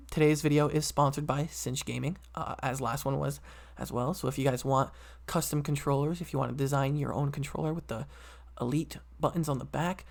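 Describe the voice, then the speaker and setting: A man's voice: on the high side, vocal fry. A young man in his late teens hosting a casual solo podcast from his computer, rambling with many fillers and restarts. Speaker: podcast host.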